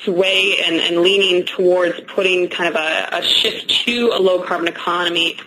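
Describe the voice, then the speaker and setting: Brief: male panelist, high and bright, measured pace with ums. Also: fairly even intonation, slight background noise, rough recording. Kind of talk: press briefing answers.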